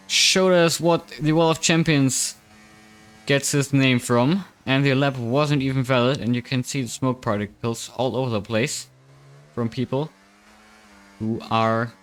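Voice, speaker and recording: Young guy doing casual sim racing commentary on a stream, rambly and jokey, desk mic. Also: mid-range voice. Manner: chatty, self-mocking, thinks aloud. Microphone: desk microphone.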